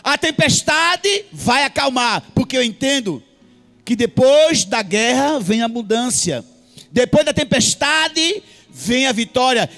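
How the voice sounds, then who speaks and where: A man's voice: very high-pitched, fairly bright tone. A man preaching a sermon in church with a Brazilian Portuguese accent, impassioned and sing-song, with frequent hallelujahs. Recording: faint music behind.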